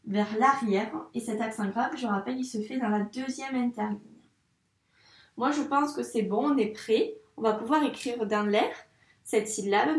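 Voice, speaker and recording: Encouraging teacher in an echoey room. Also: female voice, fairly high pitch. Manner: slow, encouraging, talks to the child directly. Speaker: primary school teacher. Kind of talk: handwriting lesson for young children. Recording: echoey room, voice a bit far from the mic.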